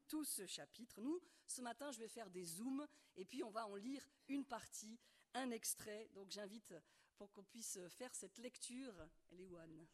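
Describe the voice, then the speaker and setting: A woman from France with a French accent, preaching a sermon in a chatty way with laughing asides to the congregation. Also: on the high side. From France, Bordeaux. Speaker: guest preacher, theologian.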